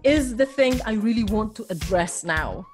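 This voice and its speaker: A language coach from Poland, speaking with a Polish accent, gives her course members a hesitant motivational talk full of ums and restarts. Her medium-pitched voice is expressive and normally paced, heard over music.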